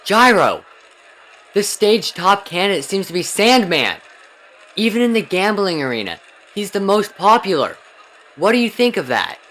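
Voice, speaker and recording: A man's voice: sits high, big pitch swings, normal speed, a bit bright, a little hiss or hum. A man voicing an earnest young horse racer in an emphatic, overacted anime fan dub, explaining as he goes. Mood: excited, teasing.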